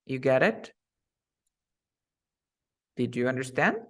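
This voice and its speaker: A man teaching an online English class over a video call, explaining slowly and repeating key words. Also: mid-range voice, animated.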